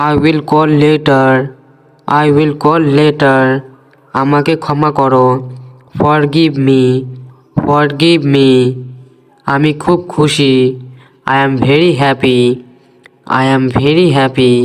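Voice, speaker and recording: Slow, smooth male teacher. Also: on the high side, rough recording. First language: Bengali. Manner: says each English sentence twice, slow and deliberate. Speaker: English teacher. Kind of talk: slow, repeated drill phrases.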